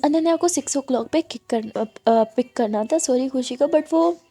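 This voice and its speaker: Female narrator, casual chatty storytelling, high warm-toned voice. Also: a little slow, breathy edge. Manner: chatty, mixing in English words, casual asides.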